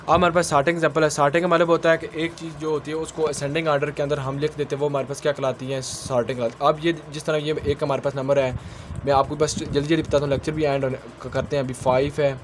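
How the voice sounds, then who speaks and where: Male tutor rushing through exam revision, fairly high voice, his own question and answer at each step, faint traffic behind. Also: level tone. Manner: mixes technical English terms into his speech. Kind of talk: quick exam-revision lecture.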